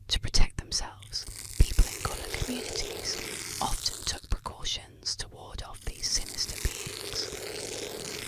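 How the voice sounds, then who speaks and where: A woman narrating a scripted bedtime tale in a hushed, soothing ASMR whisper meant to lull listeners to sleep. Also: sits high.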